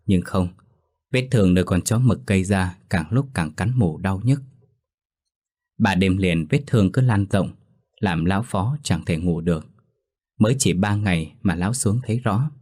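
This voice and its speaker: A man reading a ghost story aloud as narrator in a steady, grave storytelling manner. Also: deep voice.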